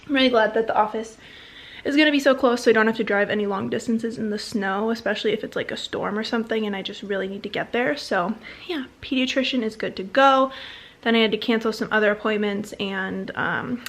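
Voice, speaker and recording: A woman's voice: fairly high pitch, brisk, fairly bright tone. A young woman in her twenties chatting casually to the camera at home, bubbly and rambling. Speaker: vlogger. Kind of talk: casual chat. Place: home, indoors.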